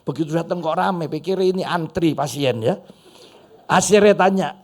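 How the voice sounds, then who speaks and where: A man's voice: a little high, moderate pace. A middle-aged man with an East Javanese accent preaching a sermon, telling humorous stories and turning often to address the congregation. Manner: animated, humorous storytelling with audience asides. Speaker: pastor. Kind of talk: storytelling sermon. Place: church service.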